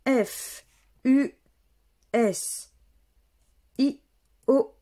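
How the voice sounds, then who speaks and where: A woman's voice: high-pitched, very slow, mellow. A woman from France giving a casual running commentary as she scratches lottery tickets, spelling out letters one by one. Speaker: scratch-card vlogger.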